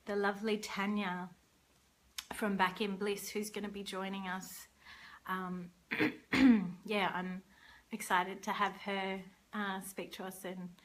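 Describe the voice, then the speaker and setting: A woman's voice: medium pitch, a bit bright, rough recording. A woman hosting an online women's circle on a video call, talking casually and hesitantly with many fillers and restarts. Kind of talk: casual online gathering talk.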